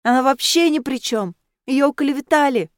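A woman voicing a tipsy, hot-headed teenage girl dressed as a ghost, loud and insistent. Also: high-pitched, moderate pace, dry recording, clean studio sound, pitched above the performer's own voice, natural voice. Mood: indignant.

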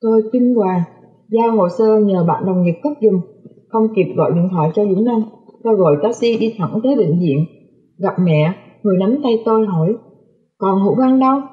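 A woman's voice: medium pitch, normal speed. Woman reading a novel on lo-fi audio. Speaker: audiobook narrator. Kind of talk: first-person novel reading. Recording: phone-like lo-fi audio.

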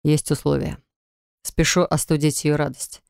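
A woman reading first-person audiobook narration in a measured, even way. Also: deep voice, creaky, clean tone, no echo, clean studio sound.

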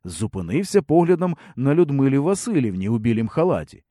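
Expressive male audiobook narrator, mellow. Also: mid-range voice, a little fast, dry recording, studio quality. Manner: expressive, comic storytelling. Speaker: audiobook reader. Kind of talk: scripted storybook narration.

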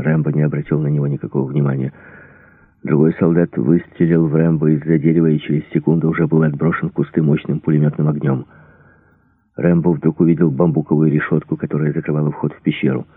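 A man narrating an action audiobook in a steady, measured storytelling manner. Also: a bass voice, husky, no room sound, narrow, tinny audio. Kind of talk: scripted narration.

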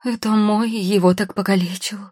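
A woman reading a storybook who voices a panicky young mother, with a shrill, breathless manner. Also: fairly even intonation, normal speed, a little mellow, husky, dry recording, clean studio sound, natural voice. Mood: wary. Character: frantic, fussy young mother.

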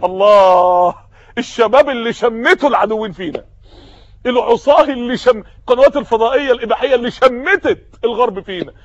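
A man with an Egyptian accent preaching an impassioned sermon full of rhetorical questions, rising at times to shouts. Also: very high voice, fast talker, no room sound, dull audio. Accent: Egyptian Arabic.

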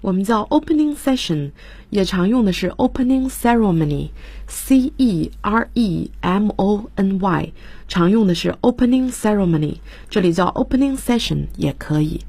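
A woman's voice: medium pitch, animated, moderate pace, dark tone, husky, no echo. A woman teaching English vocabulary on a radio lesson, explaining patiently and spelling words out letter by letter. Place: radio studio.

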